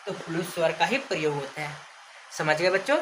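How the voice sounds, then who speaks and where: A woman's voice: low-pitched, fairly quick. A woman teaching a grammar lesson to children, repeatedly asking the class questions and drawing out example words. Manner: stretches out called names as examples. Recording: noisy background ambience.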